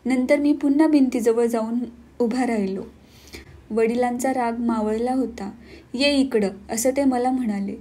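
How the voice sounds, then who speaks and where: A woman reading a classic novel aloud as an audiobook narrator, in a measured, earnest storytelling manner. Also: a little high, mellow.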